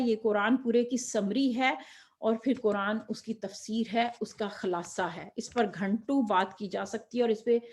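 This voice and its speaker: A woman giving a religious lecture to other women, explaining step by step with rhetorical questions and slipping in English words. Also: a little high. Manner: mixes Urdu with English words. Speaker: Quran teacher.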